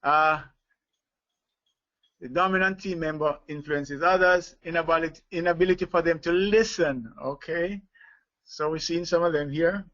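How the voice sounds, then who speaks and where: A man's voice: on the high side, normal speed, a bit bright. A man leading a live online leadership training, talking with many fillers, restarts and chuckles. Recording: dull lo-fi webinar audio.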